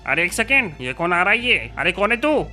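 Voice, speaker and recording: Guy as silly villager guard, high sharp voice, all bluster n easily scared, game story, music under it. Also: very animated, fairly quick, exaggerated voice. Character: goofy, boastful villager guard who panics easily. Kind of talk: Minecraft roleplay story voice acting.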